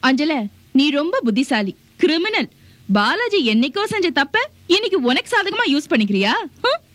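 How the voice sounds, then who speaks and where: A woman's voice: high-pitched, very animated, normal speed, fairly bright tone, no echo. An actress playing a scheming woman's spirit who taunts and bosses others around. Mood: taunting. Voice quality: taunting, bossy. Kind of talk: comedy TV serial acting.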